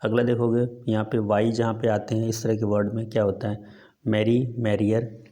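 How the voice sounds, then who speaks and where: A man with an Indian accent and a fairly low voice teaches a grammar class. His throat is sore, and he reads each English example slowly before explaining it in Hindi, with frequent fillers between points. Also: flat delivery, warm tone. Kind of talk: grammar lesson explaining slides.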